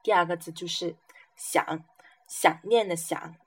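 Slow-drilling woman teaching pronunciation. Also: lowish voice, fairly even intonation, husky. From southern China. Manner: slow, repeats each syllable several times. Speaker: language teacher.

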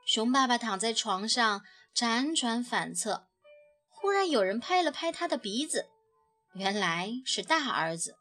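Bright, slow woman reading a picture book. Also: a little high. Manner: gentle, expressive narration. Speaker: storyteller. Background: soft background music.

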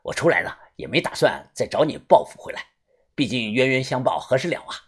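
Audiobook role: man playing a folksy gang boss, husky, low-key and chummy. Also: very animated. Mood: confiding. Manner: folksy, drawn-out fillers like "ah" and "hey". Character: smooth-talking gang boss, middle-aged man, chummy. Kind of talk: audiobook character voice.

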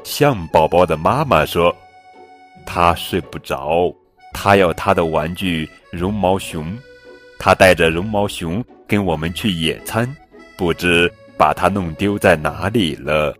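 A man narrating a children's picture book slowly and gently to little listeners. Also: deep voice, soft background music. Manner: slow, gentle, expressive. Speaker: children's storyteller.

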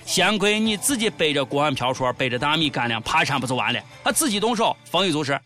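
A man's voice: on the high side, big pitch swings, fast talker, music in the background. A man with a Shaanxi accent hosting a comedy show, delivering scripted commentary in an exaggerated, sarcastic way.

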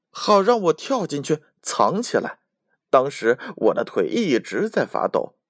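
A man voicing a small, frightened but clever male mouse in a children's storybook, with a high, squeaky, pleading voice. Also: dry recording, clean studio sound.

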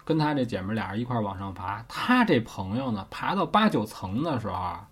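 A man's voice: fairly low pitch, big pitch swings, a little fast, a bit bright, husky. A man with a Beijing accent casually telling a ghost story as host, swearing offhandedly and often checking that the listener follows.

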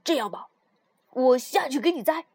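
A woman's voice: sits high, animated, moderate pace, darkish tone, dry recording. A woman voicing a big, strong, bossy male tiger in a children's story, with a drawling, offhand manner. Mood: coaxing.

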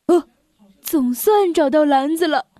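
A woman's voice: sits high, lively intonation, unhurried, mellow, dry recording. A woman voicing a hungry, greedy male big bad wolf in a children's storybook reading, whiny and demanding. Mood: grumbling.

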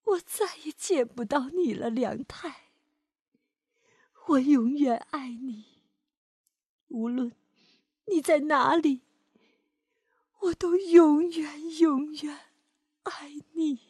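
A woman's voice: high voice, sing-song, measured pace, no echo, studio quality, pitched above the performer's own voice. A woman voicing a tender mother dinosaur. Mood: grieving. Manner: tender, soothing. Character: gentle, loving female mother dinosaur.

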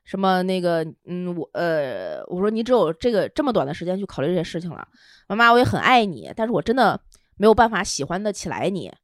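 A young woman, hosting a podcast and telling a personal story in an emotional, animated way. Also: lowish voice, fast talker, dry recording, studio quality. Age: young adult. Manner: emotional, animated retelling with quoted dialogue. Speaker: podcast host. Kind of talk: casual storytelling chat.

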